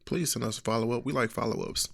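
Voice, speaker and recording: A man's voice: medium pitch, steady tone, quick pace, gravelly, no room sound, studio quality. A man co-hosting a podcast, joking and bantering in casual talk. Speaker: podcast co-host. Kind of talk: casual chat.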